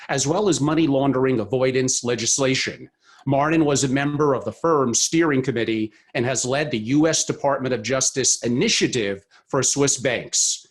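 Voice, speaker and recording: Speaking in a measured, formal manner, a male podcast host with an ordinary mid-pitched voice reads a scripted introduction of his guest before moving into interview questions.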